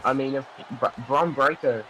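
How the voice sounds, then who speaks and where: A man doing wrestling play-by-play commentary, calling the action with excitable, dramatic phrases and rhetorical questions. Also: medium pitch, normal speed, slight background noise, poor audio.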